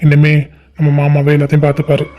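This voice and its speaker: A man's voice: fairly high pitch, monotone, fast talker, highs cut off, heavy background noise, natural voice. A man voicing a scheming young cousin in a cartoon family drama, talking politely and ingratiatingly to his uncle.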